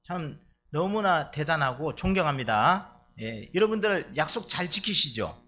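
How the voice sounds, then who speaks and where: A man's voice: fairly high pitch, expressive, unhurried, sharp tone, a little hiss or hum. A male pastor from Chungcheong preaching a sermon in a church, chatty and playful with the congregation. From Chungcheong, Korea. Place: church sanctuary.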